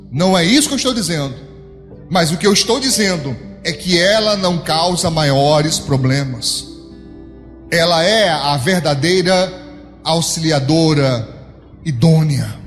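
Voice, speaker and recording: A man with a Brazilian Portuguese accent preaching a sermon as pastor, emphatic and swinging widely in pitch as he addresses the congregation directly. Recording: long hall reverb with soft background music.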